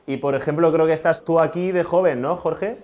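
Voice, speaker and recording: A man's voice: fairly high pitch, a little fast, lo-fi sound, background noise. A man, working as a TV reporter and asking friendly, short questions. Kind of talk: TV travel interview.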